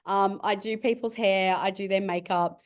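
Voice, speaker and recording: A woman's voice: mid-range voice, steady tone, normal speed. A middle-aged woman, a cosmetics business founder, telling a rambling story in a casual interview and laughing often. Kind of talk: casual video-call interview.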